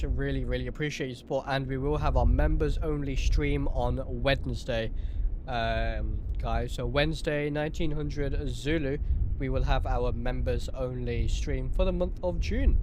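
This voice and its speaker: Man, flight sim streamer, casual live commentary, lots of ums, middle pitch, faint hiss behind. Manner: chatty, many ums, thanks viewers by name.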